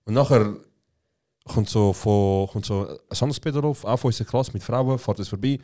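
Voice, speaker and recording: A young man tells a rambling story in a casual, slang-heavy chat. His voice sits low and dark, and the words tumble out quickly.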